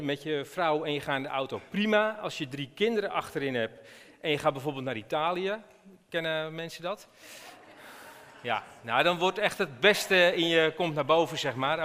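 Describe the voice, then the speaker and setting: A man with a Dutch accent preaches in a loose, conversational way, stumbling over fillers and tossing questions to the listeners. His voice sits a little high for a man. The sound carries a long reverb from the church hall. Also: a bit bright. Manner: chatty, hesitant, many fillers, asks the audience questions. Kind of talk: informal sermon.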